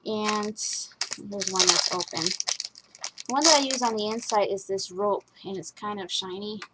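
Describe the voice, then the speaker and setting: A woman's voice: mid-range voice, a little slow, noisy background. A woman talking casually at her craft desk, chatty and rambling with fillers as she walks through a project. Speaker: craft vlogger.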